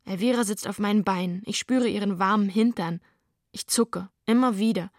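A woman's voice: medium pitch, normal speed, darkish tone, no echo, clean studio sound, lightly acted. A woman narrating as a troubled young boy in a scripted radio drama, telling it plainly and matter-of-factly. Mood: quiet.

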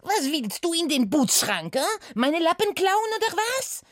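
A woman voicing a gruff, brusque little cleaning lady who speaks broken German with a put-on French accent. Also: very high-pitched, very animated, a little slow, dry recording, studio quality, voice pushed up, full character voice.

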